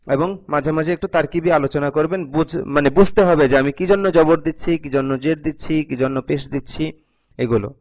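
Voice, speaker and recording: A male teacher giving a recorded video lesson, patiently reading sentences aloud and translating each one, often repeating them. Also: a little high. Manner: reads each sentence, then translates it line by line; patient, repeats phrases for learners. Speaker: Arabic teacher.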